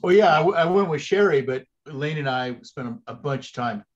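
A man's voice: on the high side, lively intonation, a little fast. Hesitant man in his sixties, lo-fi call audio. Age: 60s. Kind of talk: casual video call chat. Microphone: video call. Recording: dull lo-fi call audio with faint noise.

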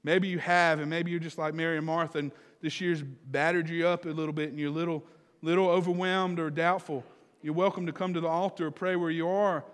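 Male pastor, memorial sermon, fairly high voice, loud bursts then hushed slow lines, long church hall reverb. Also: flat delivery. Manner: swings from loud exclamations to hushed, slow emphasis; preaching with direct questions to the congregation. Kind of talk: memorial service sermon and prayer. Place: church sanctuary.

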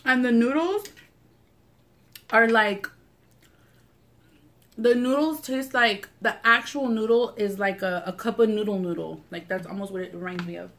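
A woman's voice: fairly high pitch, unhurried, pauses often, fairly bright tone. Young woman chatting casually over food. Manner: informal, slangy, swearing. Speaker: mukbang host. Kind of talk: casual chat to camera while eating. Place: small furnished living room, indoors.

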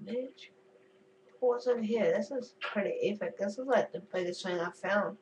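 A woman's voice: on the low side, far from the mic, a little hiss or hum, poor audio. A woman giving chatty, goofy commentary while playing a game, cursing and giggling at her own jokes. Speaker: gamer. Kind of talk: casual gameplay commentary.

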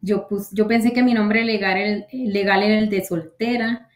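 This woman casually narrates her citizenship interview for an interviewer, repeating lots of what was said word for word. Her mid-range voice stays steady and moves at a moderate pace, recorded in an echoey room.

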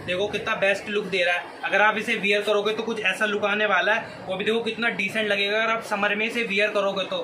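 A man, giving an eager, repetitive teleshopping-style sales pitch to camera. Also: little pitch movement, a little fast, hardly any pauses. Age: 20s. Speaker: clothing shop presenter. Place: small indoor clothing shop. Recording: clear background noise, shop ambience.

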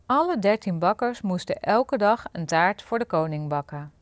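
A woman reading a fairy tale aloud as a storyteller, in a clear, lively narrating manner. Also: medium pitch, normal speed, no room sound.

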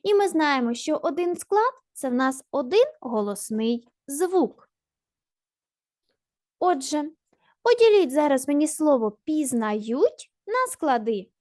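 High-voiced woman teaching a language lesson. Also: very animated, measured pace, a little mellow, dry recording, clean studio sound. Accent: Ukrainian. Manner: patient, encouraging, asks and answers her own questions. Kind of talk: primary school language lesson.

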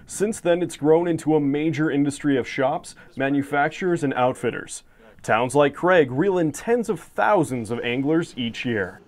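A young man narrating a local TV news report in a measured, even scripted delivery. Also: a little high. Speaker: field reporter.

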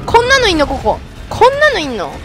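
A woman streaming a game with excitable let's-play commentary, shrieking and chatting with self-mocking asides. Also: extremely high pitch, quick pace, very noisy.

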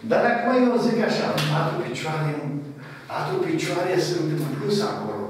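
A man tutoring a young pupil in math, thinking aloud, counting steps out slowly and teasing playfully. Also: on the high side, lively intonation, a little hiss or hum. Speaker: math teacher. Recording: echoey room, voice far from the mic.

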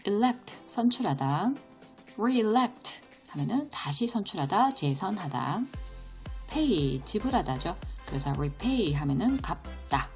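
A woman teaching an English vocabulary lesson, explaining each word slowly and patiently and asking her students questions along the way. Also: medium pitch, big pitch swings, over music. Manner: slow, patient explanation with question-and-answer prompts.

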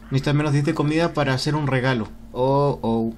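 A man commenting excitedly on a video game as he plays, often whooping and cheering, and reading the on-screen game text aloud. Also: mid-range voice, fast, a little hiss or hum. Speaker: let's play gamer.

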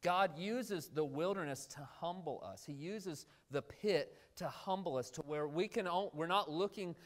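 A man's voice: fairly high pitch, a little slow. A man preaching a midweek sermon in a conversational way, asking the congregation questions and acting out the characters he quotes. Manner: acts out quoted characters in brief voices. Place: church.

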